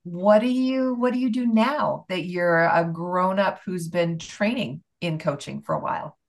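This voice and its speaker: A woman's voice: fairly low pitch, measured pace. A middle-aged woman hosting a faith-based coaching chat, asking encouraging, guiding questions. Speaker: podcast host and life coach.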